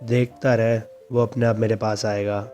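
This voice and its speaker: A mocking school gang leader, as a man retelling the story puts him on, rough and taunting toward the boy he picks on. The voice stays mellow and dark, with faint music behind it. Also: lowish voice, little pitch movement, normal speed, natural voice.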